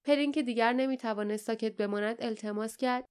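A woman reading an audiobook in an even, measured storytelling manner. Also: fairly high pitch, clean tone. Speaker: audiobook narrator. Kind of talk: scripted audiobook narration.

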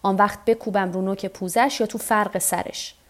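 A woman's voice: mid-range voice, fairly even intonation, natural voice. A woman reading the part of a weary, stubborn old fisherman who talks to himself. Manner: talks to himself, tired and rueful.

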